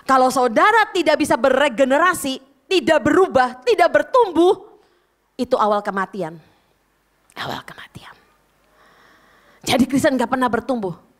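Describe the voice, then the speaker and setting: A woman pastor preaching a sermon in an animated, conversational way, often turning to her listeners directly. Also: sits high, moderate pace. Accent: Indonesian.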